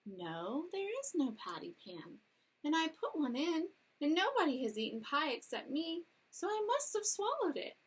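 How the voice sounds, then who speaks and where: A woman's voice: sits high, sing-song, moderate pace, pitched above the performer's own voice. A woman voicing an anxious, genteel lady dog in a storybook reading, polite and moaning. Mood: fretful.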